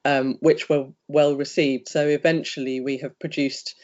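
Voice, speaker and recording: Brief: male panelist, halting, restarts words, muffled video-call audio. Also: fairly high pitch, flat delivery, darkish tone. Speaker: panelist, business owner. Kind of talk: online panel talk.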